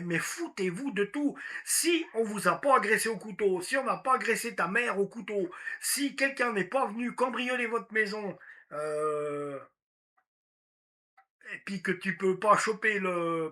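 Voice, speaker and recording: A man giving a casual motivational talk. He talks in an animated way, acts out inner voices and uses many fillers. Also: high voice. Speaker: personal development speaker.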